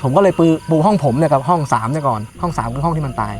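A man's voice: fairly high pitch, animated, very fast. A man recounting his own ghost experience in casual speech, often repeating words and phrases for emphasis. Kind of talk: casual spoken ghost storytelling. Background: music under the talk.

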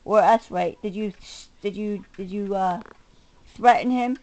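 Her voice mid-range and a little mellow, a middle-aged vlogger talks at a measured pace while ranting furiously to camera. She curses, emphasizes her words combatively, and alternates between muttering and raising her voice.

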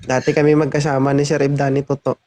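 A man's voice: medium pitch, monotone, quick pace, over loud music. A man hosting a casual street interview, teasing and joking with frequent laughs. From Zambales. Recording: loud background noise.

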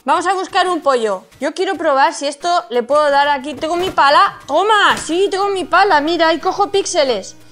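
A woman with a Spain Spanish accent giving excited, exclamatory commentary as she plays a video game. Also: very high-pitched, normal speed, few pauses, soft background music. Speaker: gaming streamer.

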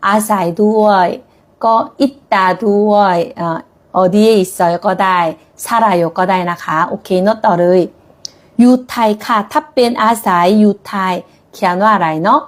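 A woman's voice: mid-range voice, moderate pace. A woman teaching a Korean language lesson, speaking patiently and encouragingly as she models example sentences.

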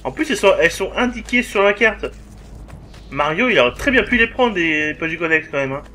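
Male gamer commentating, high, animated pitch, crude and jokey. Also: a little fast. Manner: swearing, joking, talking to the game. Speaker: let's play commentator. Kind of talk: gameplay commentary.

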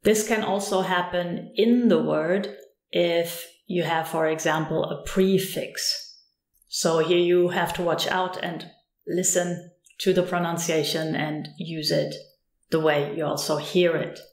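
A German woman with a German accent teaches pronunciation, unhurried and patient. Her low voice has a gravelly edge. The room gives it a roomy echo. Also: steady tone. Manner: patient, clear, modelling words slowly. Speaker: language teacher. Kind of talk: pronunciation lesson.

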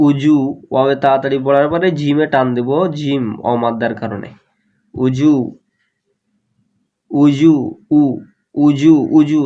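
A man's voice: medium pitch, darkish tone. A man teaching recitation rules, breaking off his explanations to chant words drawn out as examples. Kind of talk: recitation lesson. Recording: dull lo-fi recording.

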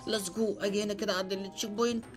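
A young man with an Egyptian Arabic accent hosting an excited let's-play commentary, dropping English exclamations as he plays. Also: high-pitched, rapid-fire. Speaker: gaming channel host. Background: faint background music.

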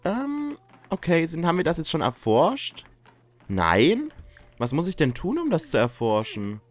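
A man giving joking, excitable gameplay commentary as a let's play YouTuber, talking straight to his viewers. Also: fairly high pitch, unhurried.

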